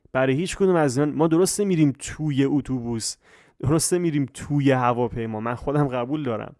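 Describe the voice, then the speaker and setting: A man teaching English grammar in Persian, slowing down for English examples and often asking his listeners if they follow. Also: mid-range voice, no echo, studio quality. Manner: repeats check questions, slows down for English examples.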